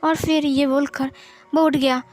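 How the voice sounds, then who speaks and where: Woman storyteller, high voice, plain matter-of-fact story narration. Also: little pitch movement, a little slow, darkish tone, faint music behind. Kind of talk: fan-fiction story narration.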